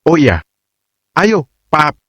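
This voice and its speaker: A man's voice: fairly high pitch, sing-song, drawn-out words, a bit bright, breathy edge, dry recording, pitched above the performer's own voice, full character voice. Man doing a sassy, bubbly young wife. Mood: playful. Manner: bubbly, slangy, teasing. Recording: dull lo-fi dry recording.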